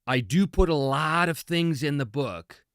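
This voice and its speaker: A man's voice: on the high side, lively intonation, unhurried, no room sound, clean studio sound. A man hosting a casual talk on tabletop gaming and answering questions in an emphatic, conversational, self-deprecating way. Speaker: host, game designer and game master.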